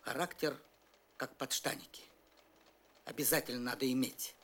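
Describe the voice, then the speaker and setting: A man's voice: medium pitch, moderate pace, a bit bright. A man playing a firm, fatherly middle-aged front commander in a war film. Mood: calm authority.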